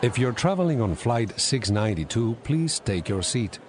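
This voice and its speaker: A man's voice: mid-range voice, big pitch swings, normal speed, noisy background, close to an everyday voice. A man playing a polite, formal airline gate announcer, reading out an airport announcement. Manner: polite, formal, scripted delivery.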